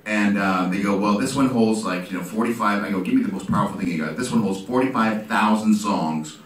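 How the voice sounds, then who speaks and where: A man's voice: lowish voice, brisk. A man in his fifties telling rambling, self-deprecating comic stories to a live audience at an art talk, acting out the people he quotes. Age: 50s. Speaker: artist hosting an art auction talk. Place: ship's hall with audience. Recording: echoey room, voice from a distant mic.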